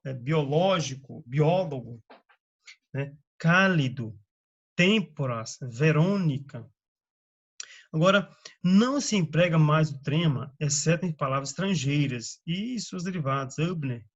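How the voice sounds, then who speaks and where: Slow, deliberate man teaching word lists. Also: fairly high pitch, dull audio. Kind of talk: slow spoken grammar lesson.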